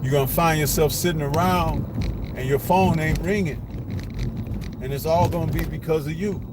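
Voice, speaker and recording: A man's voice: a little high, normal speed. A man hosting a live boxing commentary stream, blunt and rambling, with lots of rhetorical questions. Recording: noisy live stream with street and car noise.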